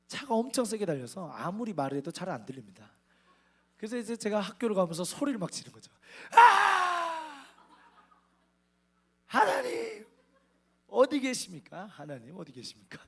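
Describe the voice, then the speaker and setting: Lively, animated man telling a funny sermon story. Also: fairly high pitch, husky. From Korea. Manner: humorous, acts out dialogue, laughs often. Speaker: missionary staff preacher.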